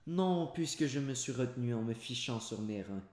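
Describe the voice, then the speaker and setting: A blunt, devoted old servant woman who exclaims high and shrill in a rustic way, as a man puts her on. Her lines pop up loud against the narration. Echoey room sound. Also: expressive, moderate pace, lightly acted. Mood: blunt protesting. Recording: roomy echoey home recording.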